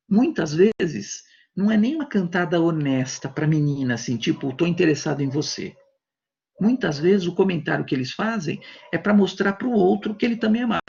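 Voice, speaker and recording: A man's voice: on the high side, gravelly, darkish tone, slightly rough, highs cut off. A man with a Brazilian Portuguese accent giving a university class over a video call, talking conversationally and acting out little voices in his examples. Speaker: university lecturer. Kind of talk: online class lecture.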